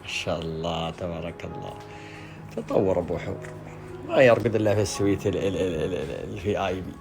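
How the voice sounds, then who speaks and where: A man's voice: low voice, fast, vocal fry, over music. A man with a Gulf Bedouin Arabic accent, chatting casually to his followers as a vlogger in a colloquial, jokey storytelling way. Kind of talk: casual vlog chat to followers.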